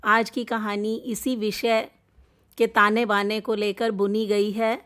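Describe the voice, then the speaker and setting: A middle-aged woman narrating a moral story in a gentle, measured storytelling manner. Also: medium pitch, flat delivery, smooth.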